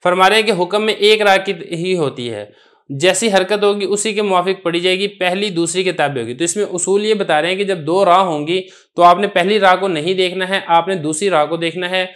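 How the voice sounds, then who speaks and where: A man teaching a recorded lesson on recitation rules, explaining patiently step by step and repeating each example slowly. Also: sits high, a bit bright.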